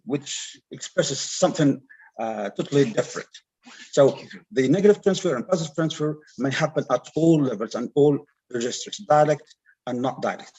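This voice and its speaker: Algerian guy, north african accent, arabic native, bit raspy, explaining academic stuff at a conference, stops and restarts a lot. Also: mid-range voice, a little mellow, rough recording. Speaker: conference panelist. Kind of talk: explanatory academic answer with examples.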